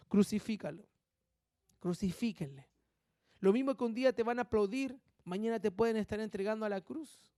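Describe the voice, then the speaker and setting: Pastor guy preaching, animated, high pitched, drops to mutters for gossip bits. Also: smooth, no echo, studio quality. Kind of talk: sermon.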